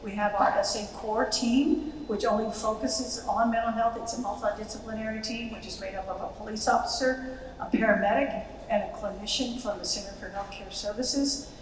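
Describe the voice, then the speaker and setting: A woman's voice: fairly high pitch, steady tone, fairly quick. An American woman speaking as a police official, giving a public presentation to an audience. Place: large reverberant event room. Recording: very echoey hall, distant, faint noise.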